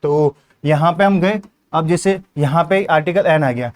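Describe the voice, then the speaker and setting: A man's voice: on the high side, measured pace. A man with a Hindi accent teaching an exam-prep grammar lesson, explaining step by step and asking questions that he then answers himself.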